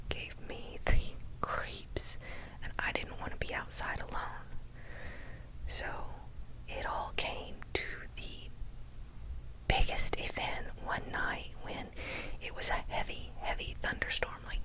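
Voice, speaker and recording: A woman telling a personal story for ASMR in a breathy, unvoiced whisper, hushed and deliberate, dwelling on key words for suspense. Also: rough recording. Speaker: storyteller, ASMR channel host.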